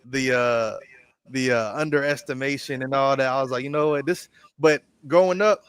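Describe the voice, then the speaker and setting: A man's voice: mid-range voice, normal speed, a bit bright, smooth, dry recording. Laid-back man in his thirties. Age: 30s. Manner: laid-back, lots of fillers and repeated yeahs. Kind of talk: casual chat.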